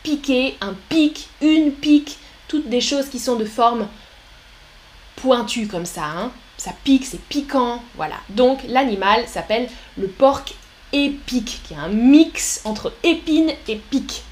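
A woman teaching a live French lesson, speaking slowly and clearly and reading out viewer comments. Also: fairly high pitch, lively intonation, a little mellow.

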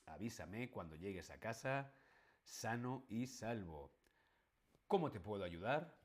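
A man, teaching a live online language lesson and slowly repeating phrases for learners. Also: lowish voice. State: sore throat, coughing.

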